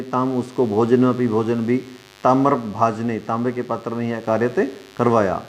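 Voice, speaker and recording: A male Sanskrit teacher, giving an online class, reading a lesson aloud and translating it phrase by phrase for the children. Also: medium pitch. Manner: reads a line then translates it phrase by phrase; addresses students as dear children.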